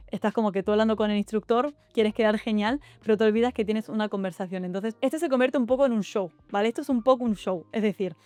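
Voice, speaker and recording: A woman's voice: mid-range voice, darkish tone, no room sound. A young Spanish woman with a Spanish accent, giving chatty, upbeat exam advice in a casual vlog. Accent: Spanish (Spain). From Spain. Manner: chatty and upbeat, with quick asides to the viewer. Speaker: YouTuber giving study-abroad and exam advice. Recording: faint music behind the voice.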